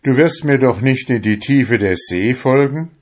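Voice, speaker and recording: A man voicing an impatient young fisherman who shouts his replies dismissively. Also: deep voice, takes it slowly. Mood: angry.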